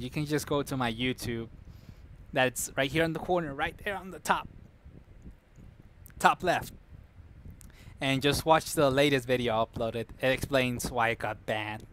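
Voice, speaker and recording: A man at mid pitch spins a loose, rambling story on stream, chuckling between sentences. He restarts and fixes his words as he talks and answers chat along the way. A faint noise hums behind him. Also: fairly bright tone. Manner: chatty, laughs often, restarts and corrects himself.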